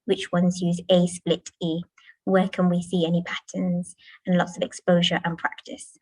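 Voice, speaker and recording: Female teacher, parent presentation; low pitch, dry close sound, patient and clear. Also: monotone, moderate pace, darkish tone, dry recording, low-quality recording. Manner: clear, patient explaining with modelled classroom chants. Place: school, indoors.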